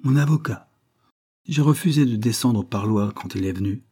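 A man's voice: on the low side, moderate pace, mellow, breathy edge. A man voicing a despairing jailed young man, lovesick and stubborn, who speaks in a raised, agitated voice. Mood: exasperated.

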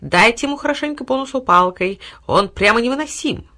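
A woman voicing a sly, flattering male cat who talks in a sugary, scheming way. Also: fairly high pitch, brisk, pitched above the performer's own voice. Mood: scornful. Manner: sugary, fawning, scornful aside.

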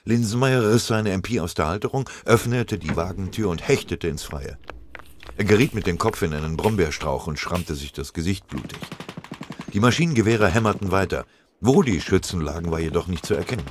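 A man's voice: sits low, lively intonation, fairly quick, background noise. A man reading a war story aloud in a dramatic, vivid storytelling manner. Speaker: narrator. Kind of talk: scripted audiobook narration.

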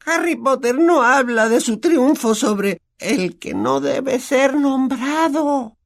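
Squeaky, slow, grovelling male house-elf with a Latin American Spanish accent; meek and self-effacing in the audiobook. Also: creaky, full character voice. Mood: reverent. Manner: servile, speaks of himself in third person. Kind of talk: audiobook character voice.

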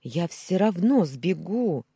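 A woman's voice: very deep voice, sing-song, takes it slowly, dark tone, slightly rough, no echo, full character voice. Woman reading a defiant captive young woman. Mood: defiant, upset. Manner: defiant, snapping, pleading.

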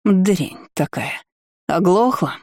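A woman voicing a furious older noblewoman aunt who yells and sneers. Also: on the low side, lively intonation, takes it slowly, no echo, clean studio sound, heavily acted. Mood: spiteful. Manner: yelling, spiteful.

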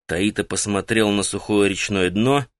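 A man narrating an adventure audiobook in a calm, even reading style. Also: fairly low pitch, normal speed, no room sound. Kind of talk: scripted narration.

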